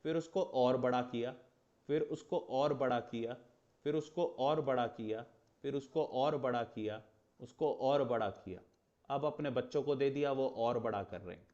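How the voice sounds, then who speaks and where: A man with a medium-pitched, slightly mellow voice unhurriedly teaches an astrology class in Hindi mixed with English terms. He keeps it conversational, posing rhetorical questions and staging small dialogues, and the audio lacks high frequencies.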